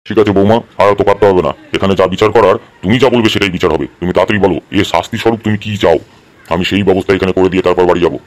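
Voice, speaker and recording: In an amateur comedy cartoon dub, a man plays a stern, bossy, middle-aged village headman who questions others and lays down the law with authority. His deep voice is steady and close to an everyday voice, but he talks very fast, and the mood is authoritative.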